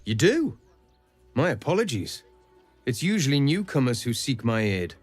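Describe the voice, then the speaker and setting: A man's voice: mid-range voice, sing-song, moderate pace, faint music behind. An actor playing a folksy townsman who greets newcomers in a fantasy video game. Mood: courteous, wry. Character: friendly-seeming male townsman helping newcomers. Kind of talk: video game character acting.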